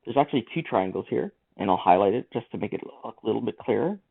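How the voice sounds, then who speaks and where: A man's voice: lowish voice, expressive, fast, creaky. A man teaching a math lesson, talking through each step of the working aloud. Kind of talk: screen-recorded lesson walkthrough. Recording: tinny lo-fi mic.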